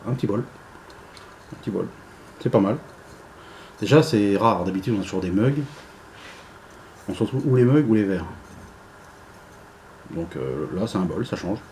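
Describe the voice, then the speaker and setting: A man's voice: lowish voice, noisy background. A man giving casual unboxing commentary, rambling and hesitant with many fillers. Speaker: unboxing vlogger.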